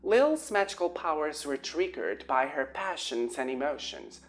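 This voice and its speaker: Very deep-voiced woman narrating a story. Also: measured pace. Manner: expressive storytelling. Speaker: audiobook narrator. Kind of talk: audiobook narration.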